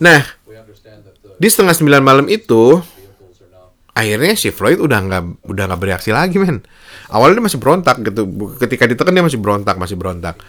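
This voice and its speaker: Young dude telling a story casual, mid pitch, slangy, jumps way up for quotes. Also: male voice, sing-song, a little fast, long pauses, a bit bright. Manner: slangy Jakarta-style speech, acts out quotes in a high voice.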